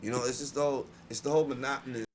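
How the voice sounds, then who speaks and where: A man's voice: medium pitch, steady tone, very fast, a little hiss or hum. A man hosting a live stream, talking in a casual, slangy way with many restarts. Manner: laid-back, slangy, talks in restarts. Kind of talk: casual chat.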